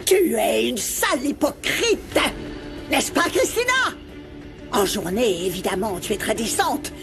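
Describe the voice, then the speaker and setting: A woman's voice: on the high side, big pitch swings, unhurried, music in the background. An actress playing a woman furiously accusing her rival of hypocrisy, in a dubbed telenovela. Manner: accusing, shouting insults.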